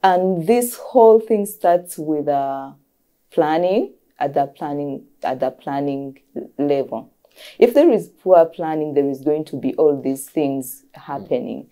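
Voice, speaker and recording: A woman's voice: sits low, animated, measured pace, dark tone. A woman, a doctor, explaining earnestly as a guest in an interview and repeating key phrases for emphasis. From Uganda.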